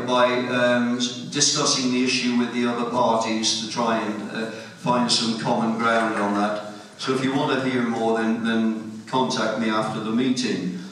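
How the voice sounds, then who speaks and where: A man hosting a public meeting and taking questions, speaking plainly with halting fillers. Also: medium pitch, fairly bright tone, a little hiss or hum. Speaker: meeting host. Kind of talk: chairing questions. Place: hotel function room. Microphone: far camera. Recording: echoey hall from far off.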